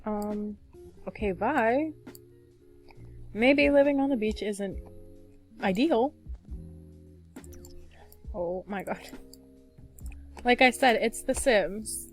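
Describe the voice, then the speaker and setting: A woman's voice: a little high, drawn-out words, long pauses, faint music behind. Chatty woman narrating gameplay. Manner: chatty, laughs often, frequent fillers. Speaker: let's play gamer. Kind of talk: casual gameplay commentary.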